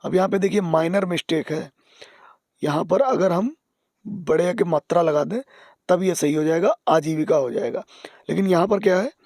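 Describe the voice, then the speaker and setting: A man teaching exam spelling, patient, repeating key words and dropping to soft asides. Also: on the high side, no room sound, studio quality. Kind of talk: explaining spelling on screen.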